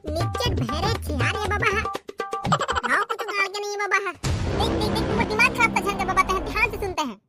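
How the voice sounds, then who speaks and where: An actor doing a shrill, exasperated cartoon grandson. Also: animated, a little fast. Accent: Chhattisgarhi. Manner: shouting, scolding, exasperated. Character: exasperated young grandson, male. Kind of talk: cartoon comedy voice acting. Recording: loud background music.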